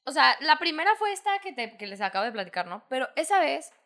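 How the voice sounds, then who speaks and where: A woman's voice: high voice, very animated, fast talker, sharp tone. A young woman with a Mexican accent, chatting casually and telling a personal story full of slang, acting out quoted lines. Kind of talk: casual chat.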